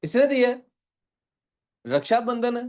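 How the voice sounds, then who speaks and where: A man's voice: very high voice, very animated, a little slow. A man teaching a physics class. He reads questions out in English, explains them in Urdu and keeps quizzing his students. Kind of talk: classroom lecture.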